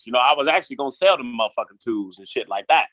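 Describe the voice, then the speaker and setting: A man's voice: mid-range voice, expressive, racing, a bit bright, no room sound. A man guesting on a comedy podcast, telling profane, rambling stories and repeating his words as he goes. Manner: profane, rambling storyteller who repeats himself. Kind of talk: comedic interview.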